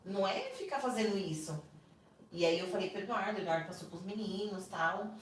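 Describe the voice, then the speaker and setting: Woman, Brazilian Portuguese accent, podcast guest, animated storytelling, far from the mic, very echoey room. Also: mid-range voice, fairly quick. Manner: animated, acts out the voices of people in her story. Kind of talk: personal storytelling in a podcast interview. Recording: echoey room, distant mic, faint noise.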